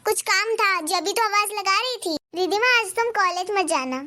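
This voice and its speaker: A woman's voice: very high-pitched, moderate pace, pushed and bright. A woman voicing a spoiled, scheming young wife in a Hindi cartoon, bossy and boastful.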